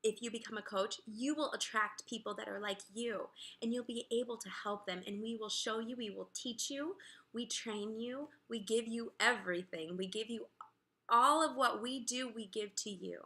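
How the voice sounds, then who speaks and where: A woman in her thirties, a fitness coach, talks straight to the camera in a chatty and heartfelt way. Her voice sits a little high and sounds very bright and forceful, with plenty of fillers along the way. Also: normal speed. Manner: emotional, tearful at times, chatty with many fillers. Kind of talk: heartfelt personal talk to camera.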